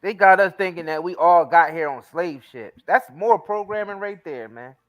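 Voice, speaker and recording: An American man with a higher-sitting voice co-hosts a casual talk show at a moderate pace. He gives his opinions bluntly, in slangy language laced with lots of swearing.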